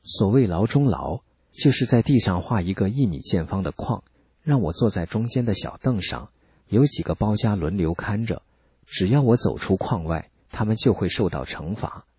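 A man calmly reading a first-person account as scripted narration, measured and steady. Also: on the low side, breathy edge, no echo. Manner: calm, measured storytelling.

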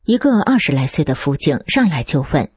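Very husky woman, lively narration. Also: fairly quick, no room sound. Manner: reads steadily, lifts the pitch for quoted speech. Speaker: narrator of a personal account. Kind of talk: scripted first-person narration.

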